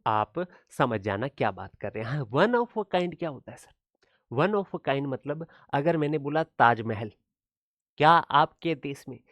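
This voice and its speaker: Male teacher, animated lecture. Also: on the high side, dry recording. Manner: addresses students as brother, asks frequent check questions; acts out student replies. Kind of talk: exam-prep lecture.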